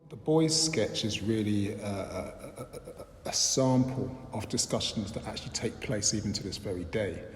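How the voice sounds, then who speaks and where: Recorded in a roomy space with long reverb and faint background hiss, a man from London answers interview questions reflectively. His voice is low and he speaks in a measured, thoughtful way, with frequent "um"s and restarts. He works as a filmmaker and lecturer.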